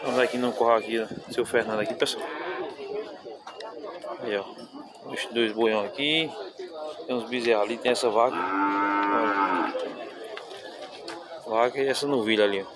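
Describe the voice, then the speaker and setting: A man's voice: medium pitch, normal speed, long pauses, very noisy. A man filming a cattle fair, asking sellers their prices and repeating them for viewers. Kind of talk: walkabout video commentary. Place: outdoor cattle pens at a livestock fair. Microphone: handheld camera mic. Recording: loud fair crowd behind. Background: busy fair crowd chatter.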